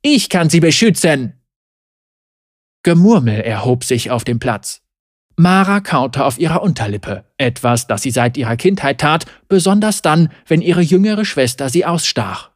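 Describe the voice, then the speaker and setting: Expressive woman audiobook narrator. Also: very deep voice, moderate pace, no echo, studio quality. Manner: expressive storytelling. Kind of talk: scripted fantasy narration.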